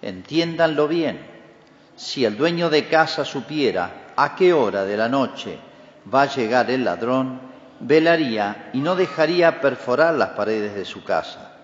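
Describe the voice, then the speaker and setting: Male priest at mass, measured preaching with emphatic lifts, long cathedral reverb, muffled recording. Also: medium pitch, animated. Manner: measured liturgical delivery with emphatic rises. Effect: long cathedral-like church reverb. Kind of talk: Gospel reading and homily. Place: large church.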